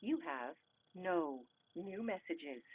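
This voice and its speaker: A woman's recorded voicemail prompts giving measured, clipped instructions, heard over a landline phone. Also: on the low side, lively intonation, husky. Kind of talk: recorded system announcements. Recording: muffled phone line, faint hiss.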